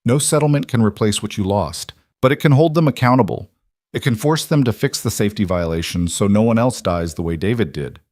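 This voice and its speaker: A man voicing a calm, reassuring firefighter weighed down by guilt, in a storybook reading. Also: fairly low pitch, a little fast, no echo, clean studio sound, close to an everyday voice. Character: steady, guilt-worn male firefighter.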